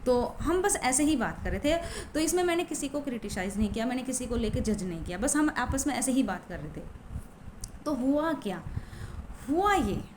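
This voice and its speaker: A woman's voice: sits high, lively intonation, normal speed, darkish tone, a little hiss or hum. A woman coach talking casually and chattily, repeating herself with many fillers. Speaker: law of attraction coach. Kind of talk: casual talk to camera.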